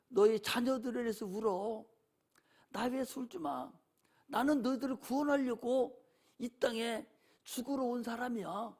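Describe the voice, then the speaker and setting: This is Jesus as a grown man, acted out by a male preacher in a sermon, stern and pleading. His voice sits unusually high for a man, and his words turn from solemn to forcefully warning. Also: heavily acted.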